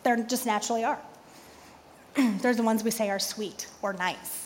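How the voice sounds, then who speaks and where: A woman pastor in her forties giving an animated sermon with self-deprecating humor. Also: a little high, a little slow, long reverb tail, a little hiss or hum.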